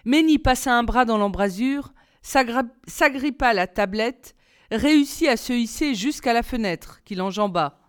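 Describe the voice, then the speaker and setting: A woman narrating a children's novel aloud in a steady, measured storytelling manner. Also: a little high, clean tone.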